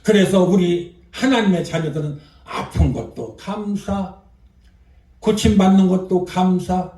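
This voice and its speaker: A woman's voice: fairly low pitch, unhurried, mellow. An older woman pastor preaching a revival sermon with emphatic fervor, calling out to her congregation and punctuating her points with hallelujahs. Her voice carries through an echoing church and reaches the microphone from some way off. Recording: roomy echo, voice picked up from a distance.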